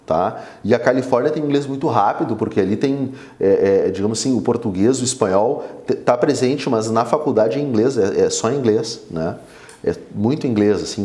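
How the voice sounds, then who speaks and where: A man with a lilt tells stories as an interview guest, his voice dark and mellow. He keeps dropping little tags like "né" and "cara" as he talks. The room gives his voice a noticeable echo. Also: medium pitch. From Brazil. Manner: animated storyteller, many fillers like 'né' and 'cara'. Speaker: oral surgeon guest. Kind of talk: casual interview chat. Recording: roomy echo.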